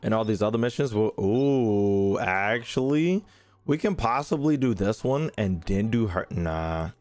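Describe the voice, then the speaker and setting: A man's voice: fairly low pitch, lively intonation, a little slow, a little mellow, no room sound, soft background music. A man streaming games, bantering with viewers in slangy, exclamatory talk and often repeating his phrases. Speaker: live streamer. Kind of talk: casual gaming stream chat.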